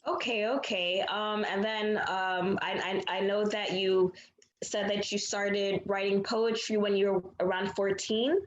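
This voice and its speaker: A woman's voice: medium pitch, steady tone, a little slow, roomy sound, muffled recording. A woman interviewer asking questions in a friendly, casual way with many fillers.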